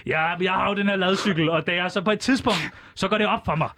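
A man in a radio studio, playing an interview guest and telling a rambling story in a deadpan comic way, with hesitant fillers. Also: high voice.

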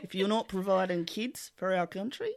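A woman's voice: medium pitch, animated, normal speed, gravelly. A woman mocking a ranting bigot. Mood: mock outrage. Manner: sarcastic mock rant, swearing. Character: ranting bigoted nationalist, contemptuous.

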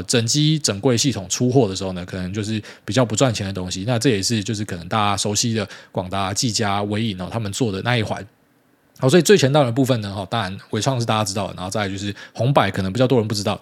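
A man hosting a podcast, giving chatty solo commentary full of sentence-final particles. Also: on the low side. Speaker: podcast host.

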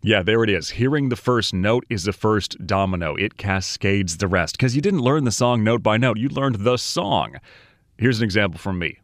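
Male podcast host, low pitch, casual punchy phrasing, dry close podcast mic. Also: animated, moderate pace, no room sound. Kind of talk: conversational podcast hosting.

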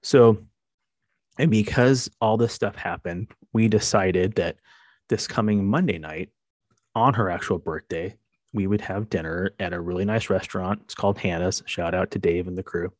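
Chatty low-voiced father rambling. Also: moderate pace, a little mellow, dry recording. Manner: rambling, conversational with many fillers. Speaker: podcast host. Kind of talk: casual monologue.

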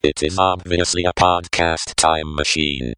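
A man voicing a slow, monotone robotic scientist in a played comedy sound drop, with a robot voice effect. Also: low-pitched, pitched below the performer's own voice. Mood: deadpan. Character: flat robotic male scientist voice.

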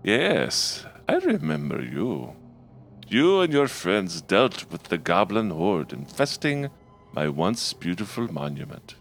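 A man voicing an evil male villain who speaks through a possessed body in a deep, slow, otherworldly voice. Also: wildly swooping pitch, creaky, faint music behind, heavily acted. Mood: menacing. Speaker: player.

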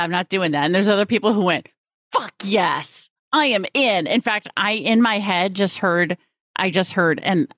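A woman hosting a podcast, effusive and enthusiastic, chatting warmly with her guest and laughing often. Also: fairly low pitch, no echo, studio quality. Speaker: podcast host. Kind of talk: podcast interview chat.

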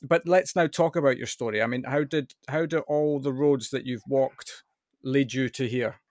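A man's voice: mid-range voice, normal speed, darkish tone, no echo, studio quality. A man hosting an interview, enthusiastic and with hesitant restarts. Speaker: podcast host.

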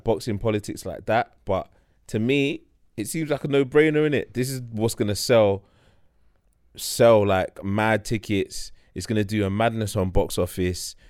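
Casting: man with London roadman accent, low voice, slangy casual podcast banter, recorded dry. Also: dry recording. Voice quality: roadman slang-heavy speech. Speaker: podcast co-host. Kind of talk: casual chat. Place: studio.

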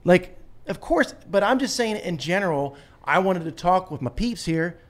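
Male host, 30s, American accent, highly animated pitch, casual and self-dramatizing talk-show banter. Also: normal speed.

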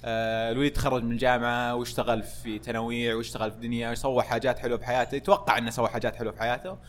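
Loud, fast-talking young man. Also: medium pitch, a little hiss or hum. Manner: loud, lively, laughs often. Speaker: podcast guest. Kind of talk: casual chat.

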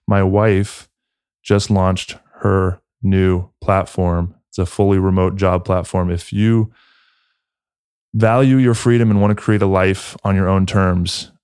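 A podcast host with a low, darkish voice chats casually and makes announcements in an earnest, affectionate, laid-back way. The recording is clean, studio quality, with no echo.

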